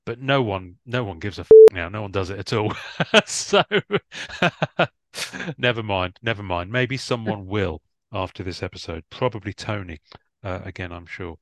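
A man's voice: lowish voice, normal speed, fairly bright tone, no echo. A middle-aged man hosting a podcast in a casual, wry way, often repeating himself. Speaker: podcast host. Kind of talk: casual podcast chat and sign-off.

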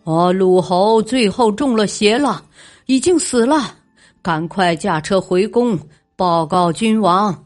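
A woman voicing a burly male strongman who loudly and urgently announces a death. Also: medium pitch, slow, faint music behind, lightly acted.

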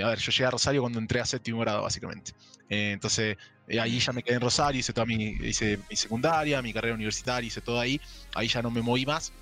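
Guy in his 40s, argentine-chilean mix accent, laid back and jokey, swears a bit, faint music under. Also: mid-range voice. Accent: mixed Argentine and Chilean. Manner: relaxed, jokey, swears casually. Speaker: guest. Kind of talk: casual podcast chat.

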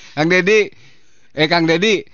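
A man's voice: sits high, a bit bright, no room sound, highs cut off. A man hosting a casual morning radio show, reading listener messages and teasing his co-host. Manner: reads listener messages aloud, playful teasing.

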